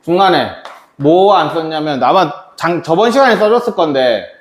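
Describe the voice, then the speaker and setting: Lively-voiced male math teacher, echoey room. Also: fairly high pitch, normal speed. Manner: chatty, quizzes students by name. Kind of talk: classroom math lesson. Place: classroom. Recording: echoey classroom.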